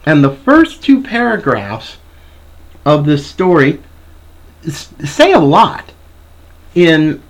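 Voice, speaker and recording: A man's voice: fairly high pitch, very animated, slow, pauses often. A man hosting a political commentary show, addressing listeners with a ringmaster's showmanship. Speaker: talk show host.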